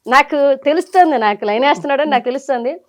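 Woman, middle-aged, fast, a bit high, animated storytelling interview guest. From Nellore region, India. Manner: animated, quotes people in quick bursts.

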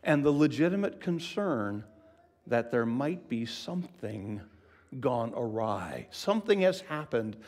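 A man preaching a sermon in an expressive, conversational way, asking the listeners questions and often dropping to a whisper for emphasis. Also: medium pitch, measured pace. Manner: conversational, asks the congregation questions.

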